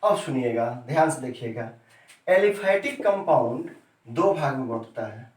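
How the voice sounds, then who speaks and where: A man's voice: medium pitch, expressive, a little slow, a little mellow. A male chemistry teacher giving a classroom lesson who repeats key terms and keeps quizzing his students with questions. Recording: echoey room, mic set far off.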